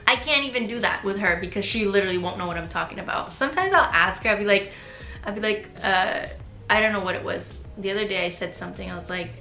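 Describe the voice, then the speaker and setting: A young adult woman chats casually in her personal vlog, using "like" as a frequent filler and laughing easily. Her mid-range voice is quick and sharp-toned, and the recording has a roomy echo with faint music.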